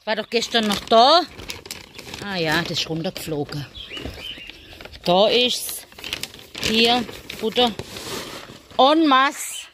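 A woman's voice: on the high side, expressive, takes it slowly, long pauses, noisy background. A woman filming a casual vlog in a stable, chatting to the viewer and coaxing her animals in a sing-song voice. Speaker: vlogger.

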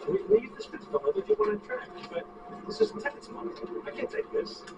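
A man's voice: very high-pitched, quick pace. An actor playing an anxious, fussy caretaker man who worries about being responsible. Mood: nervous. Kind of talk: indie film acting. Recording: distant, dull, noisy lo-fi recording.

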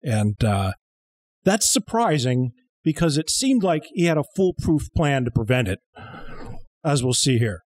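Speaking at a measured pace, this thirtysomething co-host of a funny film commentary show has a medium-pitched, sing-song, slightly mellow voice and a dry, sarcastic wit. A close studio mic on a boom arm records him in a small studio without echo.

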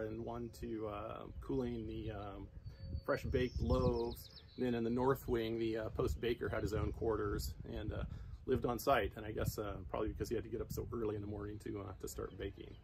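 An older man explaining local history outdoors, unhurried and halting with many fillers. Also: mid-range voice, vocal fry, background noise.

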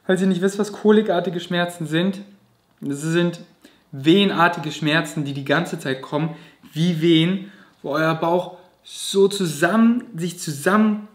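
A man's voice: fairly high pitch, a little slow. A man vlogging, telling a personal story to camera in a vivid, emotional way with casual swearing. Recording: roomy echo.

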